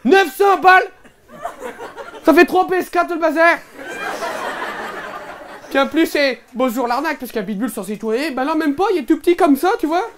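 A man's voice: extremely high pitch, animated, normal speed, long pauses, a bit bright. A man with a Northern French ch'ti accent playing a boorish young lout in a one-man stand-up show, rambling and slangy with lots of fillers. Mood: brash boastful. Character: boorish young ch'ti man, brash, absurd, loud-mouthed. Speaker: stand-up comedian in character.

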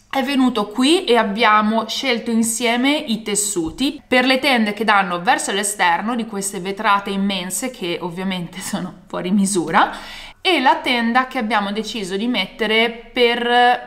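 A woman's voice: medium pitch, fairly bright tone. A woman of around thirty talking casually to camera in an emphatic, enthusiastic vlog style, drawing out words. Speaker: vlogger. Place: bright room at home.

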